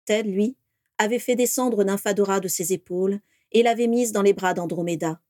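A woman narrating a fantasy story in a steady, expressive reading voice. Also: mid-range voice, moderate pace, no echo, studio quality. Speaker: audiobook narrator. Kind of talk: scripted narration.

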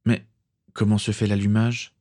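A man's voice: fairly low pitch, level tone, moderate pace, lightly acted. A man voicing a protective, hotheaded teenage boy in a storybook reading. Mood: curious. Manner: defiant, shouting orders.

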